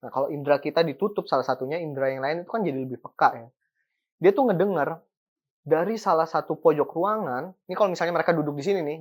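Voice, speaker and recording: Chatty horror storyteller. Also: medium pitch. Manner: chatty, full of fillers, builds suspense. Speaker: host and storyteller.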